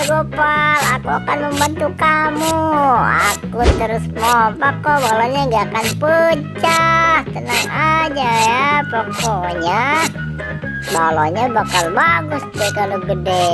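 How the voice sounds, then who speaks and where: A woman voicing a confident, cocky cartoon boy who keeps reassuring his friend, in a high childlike voice. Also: expressive, slow. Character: cocky helpful boy with a pump. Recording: loud music under voice.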